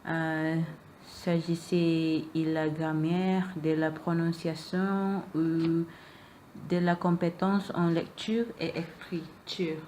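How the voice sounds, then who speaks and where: A young woman whose first language is Malay works as a student interviewer, posing questions hesitantly in English with many fillers and answers that repeat. Her voice is deep and dark, delivered slowly in a level tone. There's slight background noise.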